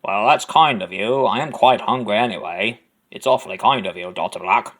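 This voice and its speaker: A man's voice: fairly low pitch, normal speed, a bit bright. A man playing a polite, formal army colonel in an amateur audio drama. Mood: courteous. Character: British army colonel, courteous dinner guest.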